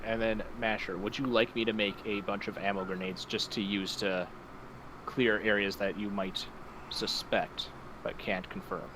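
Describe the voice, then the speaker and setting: A man's voice: lowish voice, steady tone, normal speed, background noise. A man playing a tabletop game, talking through plans in a methodical way. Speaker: player.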